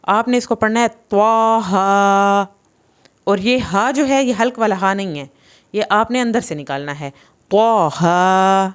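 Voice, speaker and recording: A woman teaching Quran recitation in a patient, explanatory way, drawing out letter sounds slowly. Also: a little high. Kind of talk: tajweed lesson.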